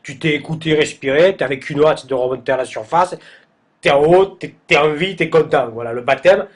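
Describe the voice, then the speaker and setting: A man's voice: on the high side, normal speed. A man with a Marseille accent tells a humorous anecdote, stammering over repeated words and using coarse slang in a mocking, exasperated tone. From southern France. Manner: stammering word repetitions, coarse slang, addresses listener as tu. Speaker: comic storyteller.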